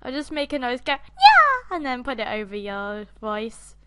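A woman's voice: a little high, moderate pace, very noisy. A young woman hosting a casual game video, playful and giggly, bossing her friend around. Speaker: channel host. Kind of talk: casual gaming chat.

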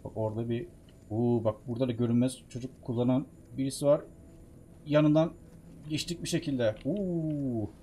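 Excitable man narrating gameplay. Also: medium pitch, moderate pace, a little hiss or hum. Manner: chatty, excitable, bursts into shouts. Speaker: game streamer. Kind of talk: casual game commentary.

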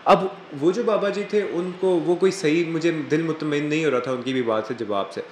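A man's voice: fairly high pitch, moderate pace, a little mellow, a little hiss or hum. A man from Pakistan, giving an earnest religious talk and telling a personal story with emotion. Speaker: religious speaker. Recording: echoey room, faint ambience.

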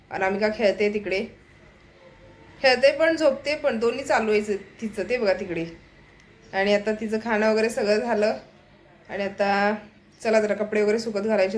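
A young woman filming a casual family vlog at home on a phone, chatting to viewers and pointing things out as she goes. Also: medium pitch. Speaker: family vlogger. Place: small home indoors.

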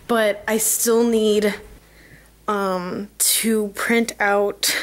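A young woman vlogging casually from a handheld camera at arm's length, rambling with lots of fillers and giggles. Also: medium pitch. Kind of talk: casual vlog chat. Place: home, then a car at night.

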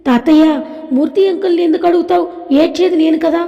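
Woman doing a little girl voice, sweet and pleading, kinda teary, high pitch, dark mellow tone. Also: fast talker, vocal fry, in a large hall, lo-fi sound. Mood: tearful pleading. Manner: sweet, pleading child talk. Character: little girl, tearful but bold and chatty.

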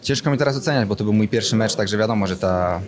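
Young male player, quick low answers, modest, crowd audible behind. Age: young adult. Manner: modest, plain, clears throat. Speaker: footballer. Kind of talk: post-match interview. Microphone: handheld broadcast mic.

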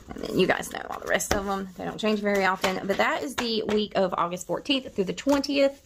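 A woman's voice: medium pitch, vocal fry, a little hiss or hum. A middle-aged woman chatting casually while showing off planner kits, rambling with many restarts and a tender, wistful tone. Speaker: planner vlogger.

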